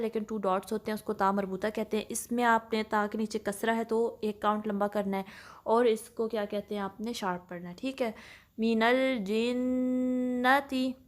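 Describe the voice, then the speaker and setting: A woman teaching a step-by-step recitation lesson in Urdu with English terms mixed in, explaining patiently and checking in often. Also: fairly high pitch. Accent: Pakistani Urdu. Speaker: tajweed teacher.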